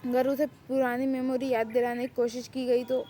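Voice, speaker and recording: A woman's voice: high voice, little pitch movement, mellow, slight background noise, close to an everyday voice. A woman playing a young woman doctor who pleads and stammers anxiously, in an amateur fan drama. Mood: worried.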